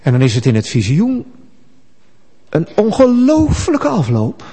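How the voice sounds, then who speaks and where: A man preaching a sermon, emphatic and animated. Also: on the high side, measured pace, breathy edge, long reverb tail.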